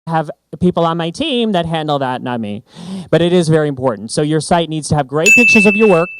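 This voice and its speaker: Upbeat male speaker, slightly high voice, dry close sound, emphatic and playful. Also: quick pace, clear, resonant tone, no room sound. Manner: animated, joking, emphatic. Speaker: branding speaker. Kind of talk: stage presentation. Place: conference stage.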